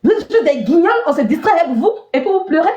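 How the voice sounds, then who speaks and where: Scornful high-voiced woman live streamer. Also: very animated, fast, warm tone. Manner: mocking, scornful, repeats herself. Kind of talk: insulting live-stream chat. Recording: roomy, dull lo-fi stream audio.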